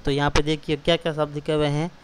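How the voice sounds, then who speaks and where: A man's voice: on the high side, monotone, quick pace, slight background noise. Patient male teacher explaining word by word. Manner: repeats and glosses each word, patient step-by-step explaining. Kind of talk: explaining textbook exercises to schoolchildren.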